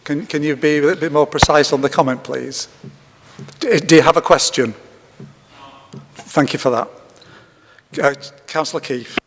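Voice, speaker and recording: Male mayor chairing, firm and interrupting, slightly high pitch, echoey chamber. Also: fairly even intonation, moderate pace, pauses often, slightly rough. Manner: firm, interrupts to keep order. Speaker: mayor chairing a council meeting. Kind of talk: formal meeting chairing. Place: large council chamber. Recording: echoey chamber, faint noise.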